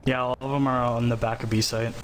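A man's voice: mid-range voice, level tone, fast. A man in team voice chat giving short, profane tactical callouts during a shooter match. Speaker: teammate. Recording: noisy game audio behind the voice.

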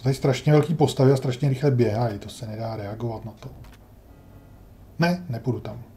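A man with a dark, mid-range voice comments casually on his own playthrough of a retro game, wry and grumbling as he talks to himself. It's a laid-back let's-play with slight background noise.

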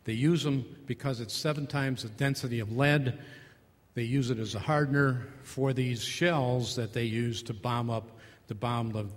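Older man lecturing in a reverberant hall. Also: mid-range voice. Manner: conversational, acts out patient dialogues, many restarts. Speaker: physician speaking at a convention. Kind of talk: conference talk with slides. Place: large convention hall, at a podium. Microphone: podium microphone.

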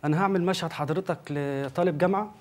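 A man's voice: fairly high pitch, rapid-fire. Hesitant young Egyptian man auditioning. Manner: hesitant, soft-spoken. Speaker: auditioning actor. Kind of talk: casting audition.

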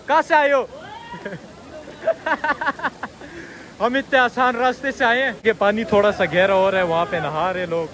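A young man from Pakistan filming a casual travel vlog on a phone held at arm's length, chatting excitably outdoors on a trail and by a waterfall. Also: high-pitched. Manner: chatty, excitable, often laughing. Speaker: vlogger.

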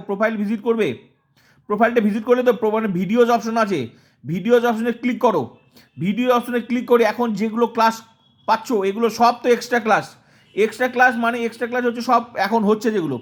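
Man, teacher, high voice, fast talker, exam-prep lesson, asks and answers himself, repeats terms. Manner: asks questions and answers them himself, repeating names to drill them.

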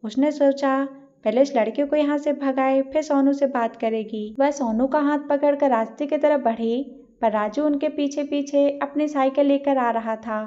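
High-voiced woman narrating a story. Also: moderate pace. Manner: steady, dramatic storytelling. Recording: dull lo-fi recording.

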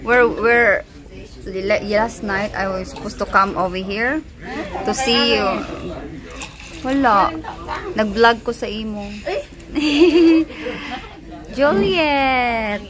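A woman's voice: fairly high pitch, very slow, long pauses. Chatty Filipino woman vlogging in a crowd. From Philippines (Mindanao). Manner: chatty, excitable, laughs often, mixes in Filipino words. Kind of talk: casual travel vlog. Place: busy indoor areas of a large cruise ship. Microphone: phone held at arm's length. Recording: loud crowd chatter around the phone.

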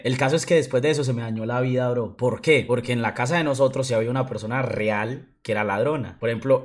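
A young man with a Colombian accent, telling a story on a livestream in a profane, slang-filled, animated way. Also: medium pitch. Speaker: streamer. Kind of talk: casual storytelling on stream.

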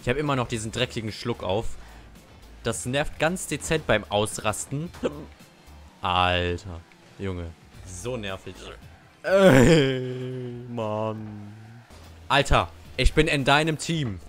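A man's voice: mid-range voice, animated, slow, fairly bright tone, soft background music. A young man giving casual gameplay commentary, cursing and ranting at his teammates. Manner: salty, swears and rants at teammates. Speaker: gamer.

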